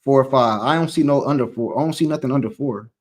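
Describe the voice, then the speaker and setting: A man with a mid-range voice talks fast as host of a loose, rambling sports talk show, reading comments from a live chat. He wanders and repeats himself as he goes.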